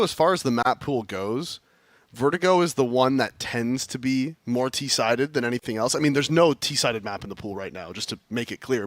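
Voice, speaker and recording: A man's voice: medium pitch, no room sound. A man working as an esports caster, explaining and calling live match action in short clipped phrases. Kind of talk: live esports analysis and play-by-play commentary.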